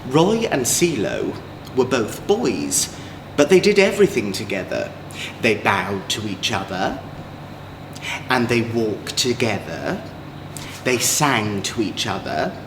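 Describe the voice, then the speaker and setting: With exaggerated camp and a leisurely pace, this English drag storyteller performs a children's story, his pitch swinging expressively. Playful, chatty asides are aimed at the young audience. There's a roomy echo with a little background noise.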